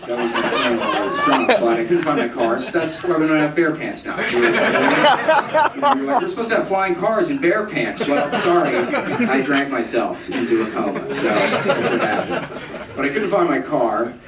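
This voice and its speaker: A young man performing a stand-up set in a comedy club, deadpan and self-mocking, now and then acting out people in a high mocking voice. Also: moderate pace, over a noisy crowd. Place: comedy club stage with audience laughing. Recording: echoey, distant amateur club recording with loud noise.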